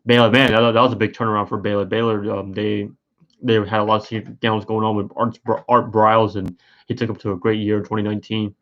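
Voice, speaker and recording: A fairly low-pitched man talks through a casual live stream, sleepy and yawning. He rambles and hesitates, restarting his sentences and filling gaps with ums and uhs. The audio is dull and lo-fi. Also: little pitch movement, fast talker. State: tired and yawning. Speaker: sports streamer.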